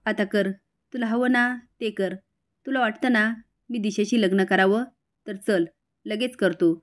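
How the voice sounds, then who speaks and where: A woman's voice: medium pitch, fairly even intonation, measured pace, close to an everyday voice. A woman voicing a bitter, angry young man who lashes out at his family with sarcastic retorts, in a retold TV serial.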